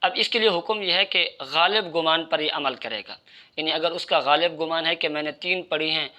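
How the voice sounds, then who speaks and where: A man's voice: on the high side, brisk, bright, forceful tone. A man giving religious instruction in a methodical, explanatory way, addressing his listeners directly. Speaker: Islamic religious teacher.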